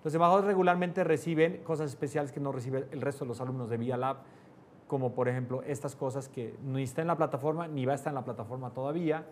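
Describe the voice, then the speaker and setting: A man's voice: steady tone, fast talker, a little hiss or hum. A man teaching a live class to a small audience, often asking "¿no?" and raising or dropping his voice to stress points. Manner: varies pitch and loudness for emphasis, asks "¿no?" often. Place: class room with air conditioning.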